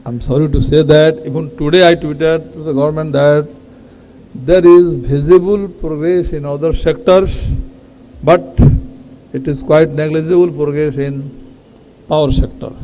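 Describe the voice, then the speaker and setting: An older man with an Indian English accent addresses an audience in a fairly high but mellow voice. He speaks earnestly, lecturing point by point, with a faint murmur of ambience behind him. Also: slight background noise, low-quality recording. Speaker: invited speaker. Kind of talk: formal speech to an audience.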